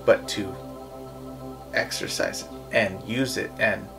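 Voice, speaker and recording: A man in a casual film review chat, meandering and halting, with some swearing. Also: on the low side, fairly even intonation, gravelly, over music. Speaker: film review show co-host.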